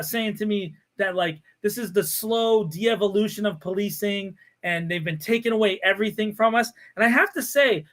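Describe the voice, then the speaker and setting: A man hosting a podcast, ranting in a sarcastic, animated way with frequent laughter. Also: high voice. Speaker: podcast host. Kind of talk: casual podcast chat.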